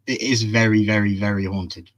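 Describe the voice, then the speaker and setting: Guy with a low voice breaking down a show live, enthusiastic, leans hard on points. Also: level tone, moderate pace. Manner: enthusiastic, emphatic explainer. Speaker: co-host of a live TV review. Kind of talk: casual live review chat.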